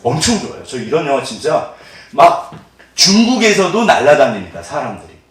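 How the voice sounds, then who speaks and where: A man's voice: a little high, fairly quick. A middle-aged man preaching a sermon as pastor, quizzing the congregation and laughing often. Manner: animated, asks the congregation call-and-response questions. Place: church sanctuary. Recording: echoey hall, mic at a distance.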